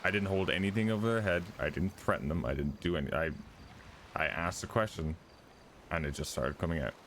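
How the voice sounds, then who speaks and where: A man's voice: low voice, a little fast, fairly bright tone, a little hiss or hum. A man talking in character as a motorcycle club member in a roleplay, blunt, firm and given to swearing.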